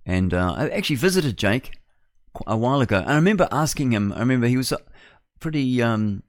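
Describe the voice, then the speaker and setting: This radio host is a man in his sixties with a New Zealand accent, offering a digressive, chatty opinion piece full of rhetorical tag questions. He sounds animated, with a medium pitch and a slightly fast pace. The recording is clean studio sound with no room noise.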